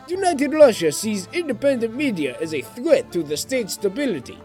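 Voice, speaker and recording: A man's voice: high-pitched, mellow. A teenage boy putting on a stern Russian presenter for a satirical school report, speaking in clipped, broken phrases that drop their articles. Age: teens. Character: comically stern Russian man presenting politics. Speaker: student presenting a school project.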